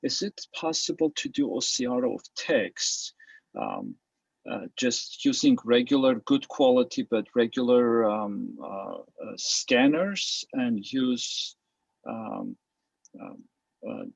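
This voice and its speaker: A man from Armenia asks a question on a video call, pausing often to search for words. His voice is gravelly and husky, and his pace is very slow. The sound is dull and dry. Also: medium pitch, sing-song, no echo. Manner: hesitant, with many fillers and searches for words. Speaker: participant asking questions. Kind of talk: questions in an online Q&A.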